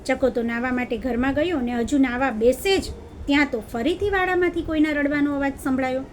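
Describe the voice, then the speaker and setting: A woman narrating a children's story in an expressive, lively way. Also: sits high, brisk, a little hiss or hum.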